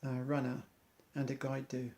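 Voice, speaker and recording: A man's voice: mid-range voice, monotone, normal speed, vocal fry, darkish tone. A man, an amateur athlete, earnestly reciting an inspirational monologue in loose rhymes.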